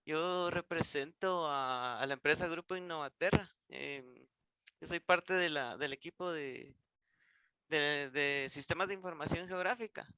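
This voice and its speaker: Bright, crisp Guatemalan man commenting. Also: fairly high pitch, a little slow, no echo. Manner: hesitant, repeats "¿verdad?". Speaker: audience participant. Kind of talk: comment in an online Q&A. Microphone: video call.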